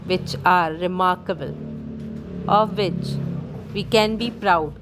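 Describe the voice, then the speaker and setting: Over music, a lowish-voiced woman dictates a speech for practice, pausing clearly between short, measured phrases.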